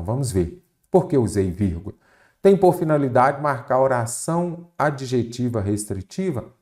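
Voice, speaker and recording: Male Brazilian Portuguese teacher, exam-prep lesson, energetic and rhetorical. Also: mid-range voice. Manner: lively, rhetorical questions to students.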